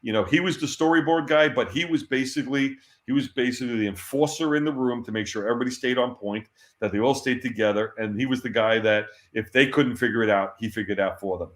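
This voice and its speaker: A middle-aged man, a former comics editor, tells lively stories as an interview guest. He laughs often and repeats words when excited. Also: medium pitch, fast talker, few pauses. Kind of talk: casual anecdotal storytelling. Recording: roomy echo.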